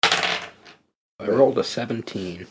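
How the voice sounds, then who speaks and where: A man's voice: fairly low pitch, slow pace, heavy background noise. A man chatting casually as a player in a tabletop game. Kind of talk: casual chat.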